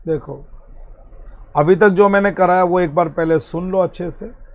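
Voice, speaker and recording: A man's voice: sits high, a little slow. A man with an Indian accent giving a classroom accounting lecture, repeating key points and mixing in English terms. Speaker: accounting teacher.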